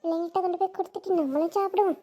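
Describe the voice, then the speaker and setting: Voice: extremely high pitch, fairly even intonation, rapid-fire, warm tone. Woman playing a sly freeloading aunt. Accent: southern Tamil Nadu. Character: middle-aged aunt, freeloading relative.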